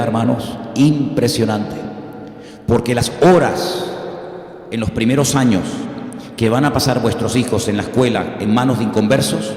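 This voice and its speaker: A man's voice: medium pitch, darkish tone. Older man preaching in echoey church. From Venezuela. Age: 60s. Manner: storytelling preacher mixing humor with warnings. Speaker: pastor. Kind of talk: sermon. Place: church hall. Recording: echoey hall with long reverb.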